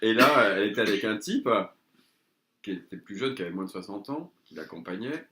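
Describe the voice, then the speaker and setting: A middle-aged man telling a comic story about his mother, lively and often laughing as he talks. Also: fairly low pitch, a little fast. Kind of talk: comic anecdote told to a listener. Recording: echoey room.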